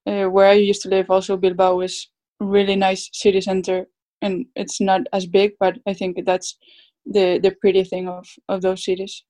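A woman's voice: medium pitch, completely flat delivery, moderate pace, dark tone. A woman from the Basque Country speaking English with a Basque Spanish accent, answering casually as a footballer in an interview. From Basque Country, Spain. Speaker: professional footballer being interviewed.

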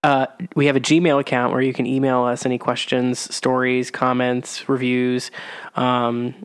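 A man's voice: mid-range voice, completely flat delivery, unhurried, clean tone. A man co-hosting a casual astrology podcast, chatty and rambling, with many fillers. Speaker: podcast co-host. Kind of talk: casual chat.

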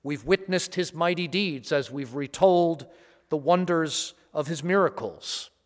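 A man speaking as a priest at Mass in a solemn, measured, phrase-by-phrase way, his voice echoing through a large church. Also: a little high. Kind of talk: liturgical reading and homily. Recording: cathedral-like echo, long hall reverb.

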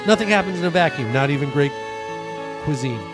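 A man's voice: on the high side, expressive, brisk. A man co-hosting a podcast in casual, rambling, jokey chat, with music under it. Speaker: podcast co-host.

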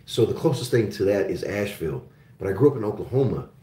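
Talking fast and very animated in a lowish, mellow voice, this German-born host who grew up in Oklahoma chats loosely on his live call-in program about metals and resource stocks. His speech wanders with frequent fillers and restarts, heard with roomy echo.

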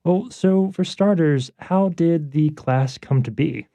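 A man's voice: on the high side, takes it slowly, dry recording. Laid-back man hosting an interview. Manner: relaxed, easygoing, frequent "uh" fillers. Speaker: radio show host. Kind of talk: conversational interview.

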